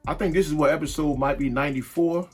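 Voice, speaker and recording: A man co-hosting a laid-back basketball talk show, his voice a little husky. He talks loosely, restarting his sentences and slipping into slang. Soft music plays underneath. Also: a little high, fast talker. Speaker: podcast co-host. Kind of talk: casual sports chat.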